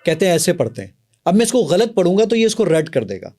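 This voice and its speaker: A man's voice: high voice, very animated, warm tone, faint music behind. A middle-aged man from Pakistan, an app founder, eagerly explaining and demonstrating his work in an interview. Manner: eager, explanatory, often agreeing emphatically. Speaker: app founder and software company owner.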